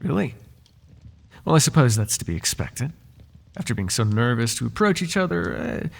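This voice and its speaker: With big pitch swings around a medium pitch and a creaky texture, this man talks at a moderate pace. He plays a gossipy, curious butler in an ASMR roleplay, devoted and flirtatious toward his noble, speaking in genteel, formal terms laced with teasing.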